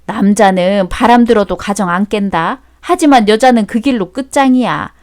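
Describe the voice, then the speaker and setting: A woman's voice: medium pitch, normal speed, a little mellow, close to an everyday voice. A woman voicing a nagging middle-aged mother-in-law who scolds with blunt sarcasm. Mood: scornful.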